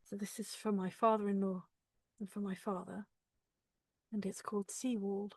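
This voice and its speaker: A woman reading her own poems at an online book launch, with a measured rhythmic delivery and chatty introductions between poems. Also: mid-range voice, flat delivery, no room sound. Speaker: poet. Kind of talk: poetry reading with spoken introductions. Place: home, online video call. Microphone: video call.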